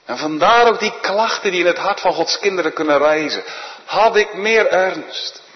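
A man preaching a sermon in a solemn, earnest manner, often dropping to a hushed voice. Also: sits high, normal speed. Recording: dull echoey church recording.

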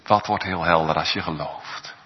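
A man preaching a sermon in earnest, rising to high cries and then dropping to hushed tones. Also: normal speed. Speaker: pastor. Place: church. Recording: dull lo-fi church recording with long reverb.

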